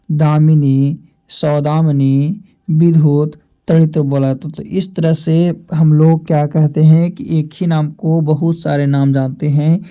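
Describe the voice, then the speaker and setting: A man teaching a Hindi grammar lesson, slowly working through lists of synonyms. His voice is very dark and mellow and sits fairly high, yet he speaks almost flatly. The recording sounds somewhat dull and lo-fi. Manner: slow listing of words, asking and answering his own questions. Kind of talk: exam-prep lesson, reading word lists.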